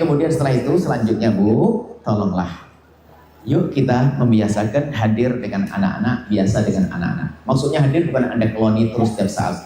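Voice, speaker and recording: A man's voice: mellow, a little hiss or hum. Man preaching in an echoey hall. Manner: playful, jokes and mimics nagging wives and husbands in high voices. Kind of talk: sermon. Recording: very echoey hall with faint ambience.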